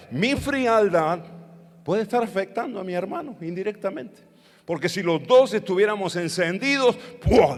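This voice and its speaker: A man's voice: fairly high pitch, in a large hall. A man with an Argentine accent, preaching a sermon as pastor and asking the congregation to answer back. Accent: Argentine Spanish. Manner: preaching with call-and-response questions to the congregation. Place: church hall.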